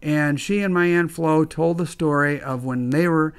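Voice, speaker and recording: A man's voice: a little high, moderate pace, clean tone. A man from northwest Indiana hosting his own video channel, talking in an upbeat, friendly way with frequent "uh" fillers. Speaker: channel host. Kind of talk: casual video narration.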